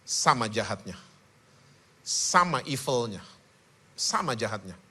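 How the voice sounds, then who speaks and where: A male pastor preaching a sermon with animated delivery, often checking in with the congregation. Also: medium pitch, slow pace, breathy edge. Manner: animated, with rhetorical "hmm?" prompts to the congregation.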